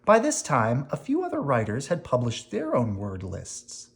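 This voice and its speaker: A storybook reader explains words to children with short asides while reading a picture book aloud, deliberate, expressive and dramatically emphatic. The medium-pitched voice swings hugely in pitch and has some vocal fry.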